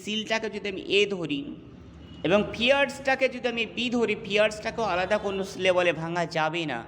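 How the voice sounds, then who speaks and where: A man gives a classroom lesson on English poetry, breaking the material down step by step and pausing to check that his students follow. His voice sits high for a man, and a long reverb trails each phrase. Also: fairly bright tone, slight background noise. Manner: explains step by step, asks checking questions. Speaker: English teacher.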